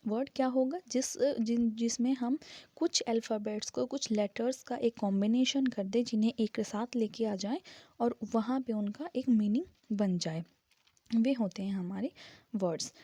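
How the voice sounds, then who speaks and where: Woman teacher, casual lesson, husky, mellow, higher voice, dry close sound, breaks words into syllables. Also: dry recording. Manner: explains step by step, spells out syllables slowly. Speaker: English grammar teacher.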